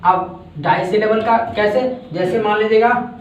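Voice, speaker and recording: A man's voice: sits high, unhurried, slight background noise. A man from India teaching a grammar class, patiently repeating words and breaking them into syllables. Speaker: English teacher. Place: echoey classroom. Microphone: far from the mic. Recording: echoey room, distant dull lo-fi mic.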